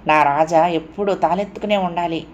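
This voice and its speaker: Lady reading as a sweet clingy young woman in an audiobook, murmurs soft and coaxing, voice goes up a bit. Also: lowish voice, steady tone, moderate pace, dull audio, a little hiss or hum, lightly acted. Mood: tender coaxing.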